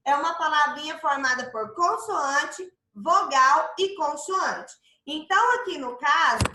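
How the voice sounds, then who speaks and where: A woman's voice: sits high, bright, forceful tone. A woman teacher with a Brazilian Portuguese accent, patiently explaining a workbook exercise to young children in an online class and checking that they follow. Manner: refers to herself as "tia" to the kids. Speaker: primary school teacher. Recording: echoey room.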